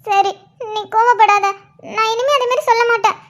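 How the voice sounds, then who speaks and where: Amirtha, a squeaky tipsy wife. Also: steady tone, brisk, fairly bright tone. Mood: clingy. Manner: pleading, childish, teasing. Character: tipsy young wife, clingy and whiny.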